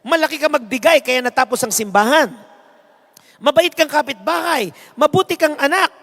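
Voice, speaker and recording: A man doing a calm, matter-of-fact Christ. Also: extremely high pitch, normal speed, big-room sound. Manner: calm and matter-of-fact, later laughing loudly.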